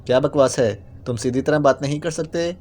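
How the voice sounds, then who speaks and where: A man's voice: medium pitch, a little mellow, natural voice. A man voicing a stern, cold male spy chief who speaks harshly and curtly. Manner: harsh, curt.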